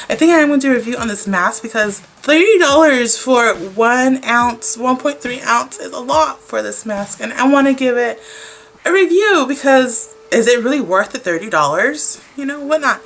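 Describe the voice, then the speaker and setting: Stuffed up with a cold, a young woman vlogger rambles chattily while opening beauty products, dropping plenty of "likes" and "ums." Her pitch is fairly high and her tone fairly bright.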